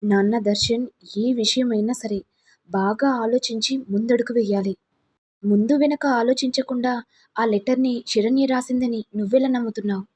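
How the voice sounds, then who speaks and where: A woman voicing a caring older mother who gently advises her son. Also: on the high side, steady tone, moderate pace, breathy edge. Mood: advising.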